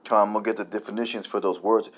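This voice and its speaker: A man with a lowish voice races through an informal sermon in a flat delivery. Profane and repetitive, he curses, stumbles over repeated words, and often tacks "man" onto the end of lines while reading scripture and definitions.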